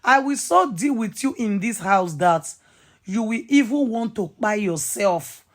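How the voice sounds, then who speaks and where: A bitter wife full of cold menace, as a woman storyteller puts her on. She speaks, drawing out each threat slowly in a medium-pitched voice. The storybook villainess never raises her tone. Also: expressive. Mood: menacing. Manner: slow, low menacing threats.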